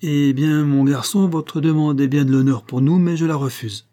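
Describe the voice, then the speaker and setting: A man's voice: fairly high pitch, fairly even intonation, moderate pace, warm tone, pitched above the performer's own voice, close to an everyday voice. A man doing a blunt old peasant seamstress. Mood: stern, firm. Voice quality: curt, severe.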